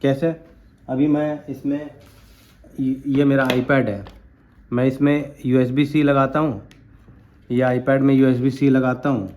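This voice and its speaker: A man's voice: mid-range voice, little pitch movement, takes it slowly, pauses often, dull audio. A man demonstrating a handheld recorder for his viewers, explaining each step directly to them as a tech reviewer. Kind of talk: product demo. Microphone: handheld portable recorder.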